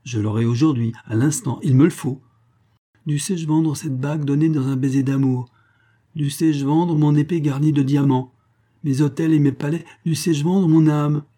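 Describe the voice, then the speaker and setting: A man's voice: fairly high pitch, sing-song, normal speed, hardly any pauses, dark tone, husky, pitched above the performer's own voice. A man voicing a young, rich male scholar, polite but scheming, speaking in an insistent, emphatic voice.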